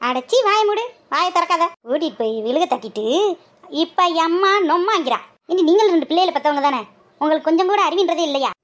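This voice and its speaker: A woman's voice: extremely high pitch, expressive, fairly quick. A woman voicing a fiery, fretful village mother-in-law in a cartoon, speaking with a Madurai Tamil accent as she scolds and wails. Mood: scolding. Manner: scolding, wailing and lamenting. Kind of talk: cartoon voice acting.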